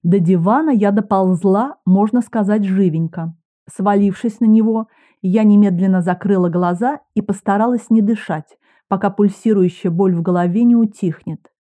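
A woman reading a detective novel aloud in the first person, with even, measured, wry storytelling. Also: mid-range voice. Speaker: audiobook narrator.

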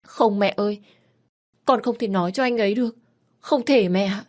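A woman voicing a frightened seventeen-year-old girl who pleads in halting, apologetic bits. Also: mid-range voice, darkish tone, voice pushed up, lightly acted. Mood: pleading.

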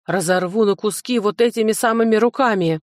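A woman voicing a gruff, commanding male dragon lord who barks orders in a slow, hoarse way. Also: mid-range voice, no room sound, clean studio sound, lightly acted. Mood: furious.

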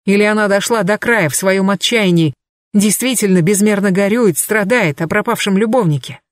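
A woman narrating an audiobook in a measured, expressive reading. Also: mid-range voice, no echo, clean studio sound. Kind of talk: scripted narration.

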